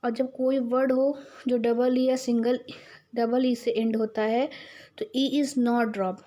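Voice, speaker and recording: A woman teacher with an Indian accent explains English spelling rules in a grammar lesson. She reads each rule slowly in English, then explains it in Hindi, often checking in with "theek hai" and calling her students "beta". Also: on the high side, flat delivery, mellow.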